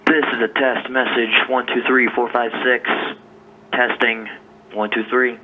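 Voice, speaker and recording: Guy's voicemail message playing back over a landline phone, flat and monotone, tinny with loud hiss. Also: mid-range voice, measured pace. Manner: flat, offhand test reading. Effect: voicemail playback over a landline phone.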